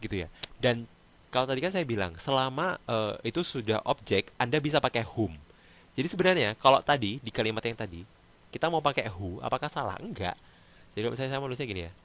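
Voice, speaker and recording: A man's voice: medium pitch, expressive, fast talker, a bit bright, low-quality recording. A man teaching an English grammar lesson to students over a video call, explaining patiently step by step and checking that they follow. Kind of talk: online class teaching.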